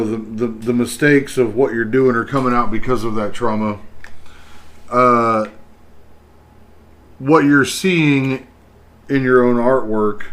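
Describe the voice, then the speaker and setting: A middle-aged man talks art on his livestream in a plain, mid-pitched voice. He is blunt and frank, and he rambles a little as he chats. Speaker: livestream host, artist. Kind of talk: casual livestream chat.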